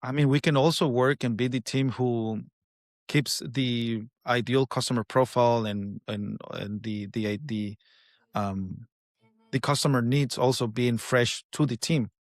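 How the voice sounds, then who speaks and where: A man's voice: medium pitch, steady tone, unhurried, dry recording, clean studio sound. Latin American-accented man hosting, hesitant. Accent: Latin American Spanish. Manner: hesitant, repeats words while searching. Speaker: podcast host. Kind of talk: casual interview talk.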